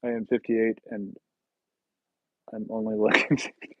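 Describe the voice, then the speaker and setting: A man in his thirties hosts a casual livestream, joking, rambling, and teasing himself with viewers. His somewhat low voice is flat and a bit bright at a moderate pace, and the dry, tinny, phone-like recording carries a little hiss or hum.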